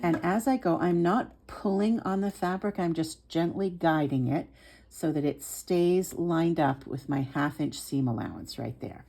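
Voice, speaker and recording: A woman with a low, relaxed voice and a noticeable creak walks a learner through a practical task. She is careful and unhurried, explaining each small step in informal, reassuring words. There is slight background noise in the recording. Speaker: sewing instructor. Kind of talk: step-by-step hands-on tutorial narration.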